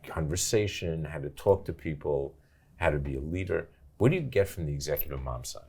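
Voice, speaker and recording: A man's voice: extremely low pitch, animated, brisk, a little mellow, breathy edge. An older man hosting an interview, asking questions and reacting with enthusiastic exclamations. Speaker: podcast host. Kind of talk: interview conversation.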